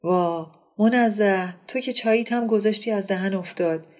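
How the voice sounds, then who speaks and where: A woman reading the part of a brisk, chatty aristocratic woman who loves banter and exclaims as she talks. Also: mid-range voice, pitched above the performer's own voice, lightly acted. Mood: lively.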